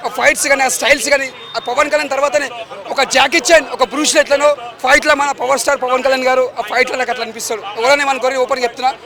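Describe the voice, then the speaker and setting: A man giving an excited street review of a film after a screening, talking fast and emphatically. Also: very high-pitched. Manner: fast, emphatic, repeats the star's full title. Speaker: moviegoer giving a public review. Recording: outdoor crowd noise behind.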